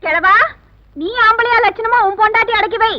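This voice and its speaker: An actress playing a jealous wife in a film who scolds, taunts and shouts at a neighbour. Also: female voice, extremely high pitch, moderate pace, dull audio. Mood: defiant shouting. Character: sharp-tongued jealous wife, loud and defiant.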